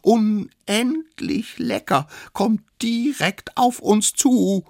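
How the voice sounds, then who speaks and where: A man voicing the smallest of a band of little cavemen, a boastful know-it-all child with a squeaky, drawn-out high voice. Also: lively intonation, gravelly, no room sound, studio quality, exaggerated voice. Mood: cocky. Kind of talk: storybook read-aloud.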